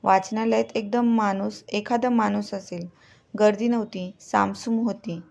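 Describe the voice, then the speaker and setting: Woman storyteller, measured suspense narration, slow, gravelly texture. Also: medium pitch, steady tone, darkish tone.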